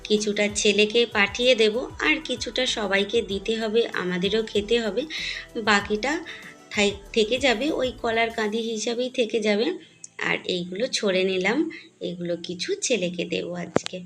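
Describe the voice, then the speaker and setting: A woman's voice: medium pitch, fairly even intonation, moderate pace, a bit bright, soft background music. A middle-aged woman narrating a home cooking and garden vlog. She chats with her viewers and calls them her friends. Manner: chatty, addresses viewers as friends. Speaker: home vlogger.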